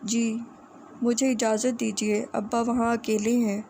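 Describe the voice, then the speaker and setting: A woman reading the lines of a quiet, dutiful young son in an audiobook, in a subdued and respectful way. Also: fairly high pitch, level tone, creaky, slight background noise.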